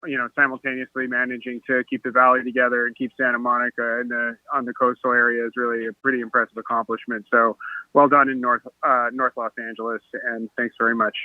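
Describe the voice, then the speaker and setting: A man calls in with thanks, hesitating often as he speaks. His voice stays flat and even over a tinny, dry phone line. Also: medium pitch, fast talker, no echo. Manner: hesitant, appreciative. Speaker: public comment caller.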